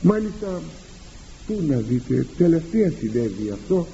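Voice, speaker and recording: A Greek priest giving a sermon to his congregation, animated and rhetorical, acting out quoted exchanges with the faithful. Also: a little high, vocal fry, highs cut off, a little hiss or hum. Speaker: priest and confessor.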